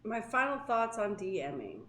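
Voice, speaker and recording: A woman's voice: fairly high pitch, sing-song, measured pace, a bit bright. A young woman co-hosting a podcast and chatting casually about being a dungeon master, earnest and teasing. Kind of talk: casual chat. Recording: echoey room with faint hiss.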